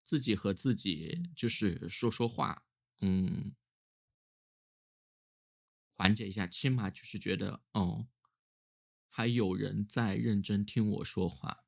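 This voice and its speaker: A man's voice: on the low side, takes it slowly, vocal fry, long pauses. A man who is ill with a cough, talking casually and reflectively on his own in a weary, musing way, as a solo vlogger.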